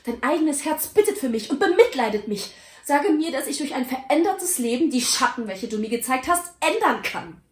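A woman voicing a frightened old miser who pleads in despair, his voice rising high. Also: very animated, moderate pace. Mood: desperate pleading. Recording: roomy echo.

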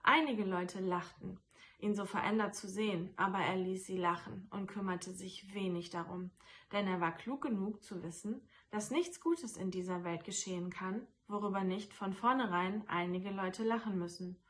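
A woman's voice: medium pitch, moderate pace. A woman narrating a classic story as an audiobook, reading expressively and voicing the characters. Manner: lively, voices the characters.

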